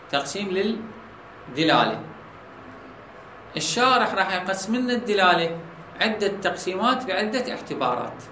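A man with an Iraqi Arabic accent teaching a logic lesson, often asking his students whether the point is clear. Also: high voice, sharp tone, slight background noise. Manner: asks students checking questions. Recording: echoey room with faint ambience.

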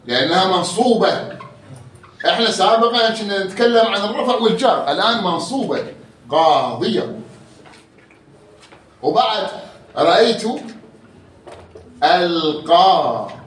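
A man with an Iraqi accent teaching a grammar lesson, explaining with repeated examples and chanting quoted verse slowly. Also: high-pitched, expressive, a bit bright, a little hiss or hum. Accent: Iraqi Arabic. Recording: echoey room.

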